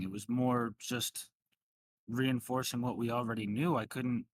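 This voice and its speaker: A man's voice: mid-range voice, fairly bright tone, a little hiss or hum, lightly acted. Man playing a rambling, polite professor. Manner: rambling, hesitant, formal address. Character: rambling, polite male professor at a draconic college.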